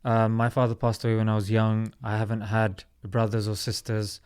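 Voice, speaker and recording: A man's voice: on the low side, monotone, moderate pace, a little mellow, smooth. A man in his thirties from South London, a podcast guest telling his story in an earnest, reflective way. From South London, England. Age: 30s. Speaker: podcast guest, comedy YouTuber. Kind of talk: casual interview talk.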